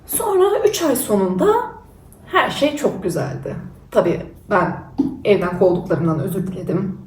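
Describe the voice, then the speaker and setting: A woman's voice: medium pitch, very animated, normal speed. A young woman vlogger, candid and self-mocking as she casually tells her own story. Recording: roomy sound from a distance.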